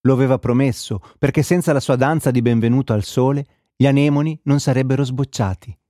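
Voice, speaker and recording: A man's voice: mid-range voice, fairly quick, no echo, clean studio sound. Man reading a children's story. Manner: gentle storytelling, shifting into character voices. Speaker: narrator.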